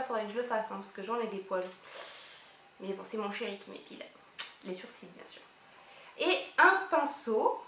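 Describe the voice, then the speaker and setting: A woman vlogger chatting excitedly as she unboxes gifts, thinking aloud as she goes. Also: medium pitch. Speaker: beauty vlogger. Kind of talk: casual unboxing chat. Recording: roomy echo, faint hiss.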